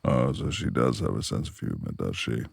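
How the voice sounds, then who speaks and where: With an extremely low, gravelly, husky voice, a man performs an exaggerated, animated take on a reclusive beast-like lord in romantic ASMR roleplay. The character is proud, courteous and short-tempered, his speech formal and archaic, and the recording is dry. He sounds teasing but still polite.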